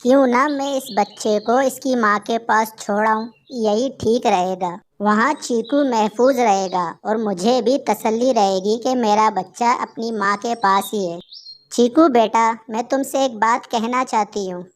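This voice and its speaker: A woman voicing a gentle mother kite bird. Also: on the high side, measured pace, slight background noise, lightly acted. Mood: tender. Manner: gentle, protective and pleading. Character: tender ailing mother kite bird, female. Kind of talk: Hindi cartoon voice acting.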